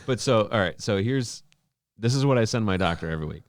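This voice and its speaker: A man's voice: on the low side, lively intonation, fast, slight background noise. A man in his forties co-hosting a podcast, chatting casually and explaining at length with many restarts. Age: 40s. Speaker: podcast co-host. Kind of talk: casual chat.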